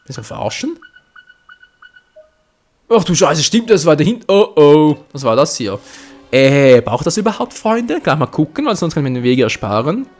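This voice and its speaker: A young man hosting a let's play, commenting on the game excitably, swearing and talking to his viewers. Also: fairly high pitch, normal speed, faint music behind.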